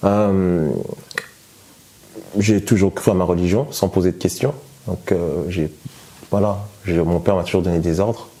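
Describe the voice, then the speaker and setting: A deep-voiced man from France gives conversational personal testimony as a guest. His tone is steady and mellow, but his delivery is halting, full of fillers and restarts.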